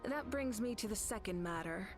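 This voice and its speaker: An actress voicing a composed, resolute female leader in a video game, talking in a steady, authoritative way. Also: mid-range voice, moderate pace, lightly acted. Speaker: game character. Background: game music.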